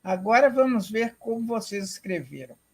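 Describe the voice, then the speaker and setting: A woman quoting a patient schoolteacher who gently prompts children with questions, in a husky voice. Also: medium pitch, expressive, normal speed. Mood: encouraging.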